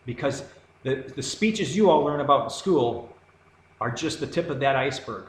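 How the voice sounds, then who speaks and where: A man's voice: medium pitch, lively intonation, moderate pace. A man delivering a heated, rambling monologue to camera, sarcastic and insistent. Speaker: video commentator. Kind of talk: ranting monologue. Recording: echoey room with faint background noise.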